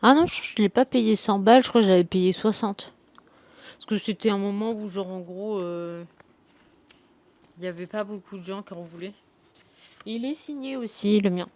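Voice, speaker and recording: A woman's voice: medium pitch, normal speed, long pauses, darkish tone. Chatty, slangy woman book vlogger. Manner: chatty and slangy, rambling with many fillers. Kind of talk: casual book review chat.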